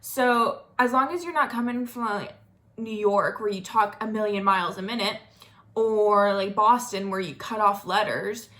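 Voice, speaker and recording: Bright-voiced American woman chatting casually. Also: medium pitch, moderate pace. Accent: General American. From Florida, United States. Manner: chatty, frequent "like" fillers. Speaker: interview guest. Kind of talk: casual conversation.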